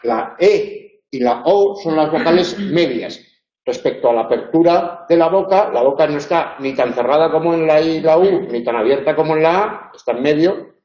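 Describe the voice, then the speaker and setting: A man's voice: a little high, animated, moderate pace, a little mellow. Man lecturing in a roomy classroom. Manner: explanatory, checks in with tag questions. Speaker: university lecturer. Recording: roomy, muffled lecture recording.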